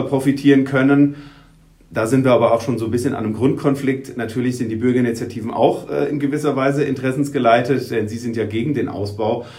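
A man's voice: mid-range voice, a little mellow. A man, a local newspaper editor, answers interview questions, explaining at length with many hesitations and restarts. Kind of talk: podcast interview.

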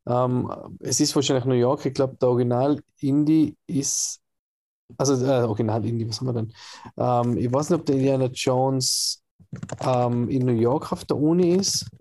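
A man chats casually about a film trailer, his voice gravelly and rough at the edges. He rambles, stops and restarts, and fills gaps with hesitant sounds, at a middling pitch. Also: mellow. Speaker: podcast co-host.

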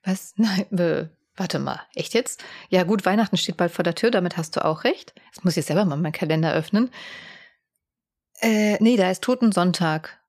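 A woman's voice: on the low side, moderate pace, a little mellow. A woman co-hosting a podcast in casual chat, teasing and playful, laughing often. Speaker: podcast co-host.

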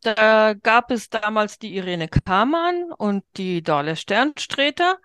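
A woman's voice: medium pitch, animated, slow pace, a bit bright, clear, resonant tone, no echo. A woman guest on an interview podcast, steadily recounting a history with some hesitations. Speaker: guest, quilt group member. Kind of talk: interview answers, storytelling.

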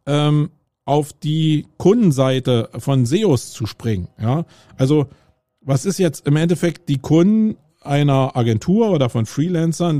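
A middle-aged German man hosts his own casual solo podcast, thinking aloud on a city street with roadwork noise, full of fillers and restarts. His voice is fairly high and mellow, with no echo.

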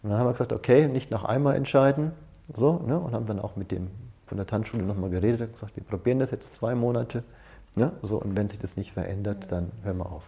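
The seminar leader talks at a quick pace in a warm, creaky voice that sits on the low side. His informal, conversational session includes personal anecdotes and frequent little tag questions to check in.

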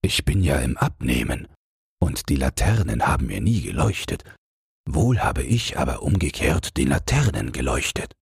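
A man's voice: very deep voice, big pitch swings, normal speed, creaky, breathy edge, no echo, studio quality, voice pushed down, full character voice. A man voicing the waning moon in a fairy tale, aloof and curt.

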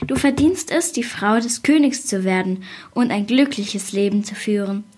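A cunning, poor old weaver father, read by a woman. He coaxes and reassures, dropping to a hush when scheming, in a plain storybook telling. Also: medium pitch, animated, moderate pace, husky. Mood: coaxing. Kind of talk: storybook reading.

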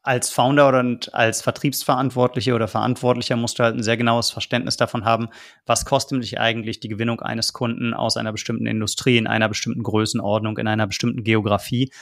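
A man hosting a podcast interview, asking long, measured questions with frequent ums. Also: medium pitch, level tone, fairly bright tone. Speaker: podcast host.

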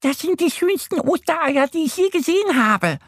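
Enny, a man doing a bright, gushing little duck girl. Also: extremely high pitch, lively intonation, normal speed, no echo, clean studio sound, voice pushed up. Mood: delighted. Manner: bright and enthusiastic.

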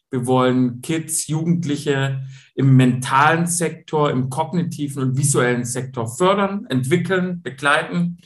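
A middle-aged man with a Swabian accent, answering as a guest in a podcast interview and explaining his coaching work in a lively way. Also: mid-range voice. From Swabia, Germany. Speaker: guest, youth football coach and company owner.

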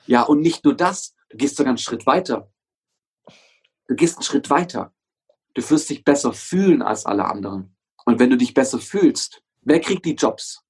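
A man's voice: mid-range voice, lively intonation, normal speed, breathy edge. A young man as an interview guest and motivational coach, talking with energy, swearing often and driving his points home by repeating them. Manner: emphatic, swears often, hammers phrases through repetition.

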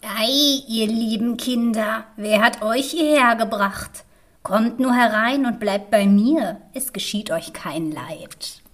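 Picture a wicked old child-eating witch, shrill and high, cackling and mocking as she lures and bullies, with a man putting on her voice. The voice sits far above an ordinary speaking voice and sounds pinched and strange. It is delivered as a storybook fairy tale reading. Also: slow pace, fairly bright tone. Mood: sweetly luring.

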